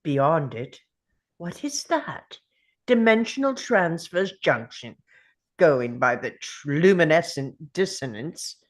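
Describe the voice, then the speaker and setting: A performer playing a brooding, clever time-travelling alien man in a dramatic table read, speaking in a theatrical, deliberate way as if pondering aloud. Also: medium pitch, expressive. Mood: pondering, intent.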